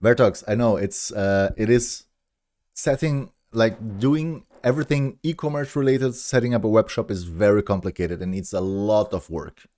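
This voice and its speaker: Here a live-stream host in his thirties, German accent and fairly low, darkish voice, chats at a moderate pace with his viewers. He rambles on, restarting frequently and chuckling at his own remarks.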